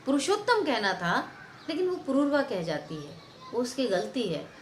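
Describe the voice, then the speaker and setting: With a fairly high voice at a moderate pace, this woman, who acts for stage and screen, gives an expressive talk on acting. She acts out example lines and stresses key phrases by repeating them. The recording sounds roomy and carries slight hiss or hum.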